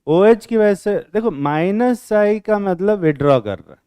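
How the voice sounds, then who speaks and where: A man teaching chemistry to a class, quizzing students and teasing them in blunt, rough slang. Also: sits high, lively intonation, unhurried, mellow, dry recording, clean studio sound. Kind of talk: classroom lecture with questioning.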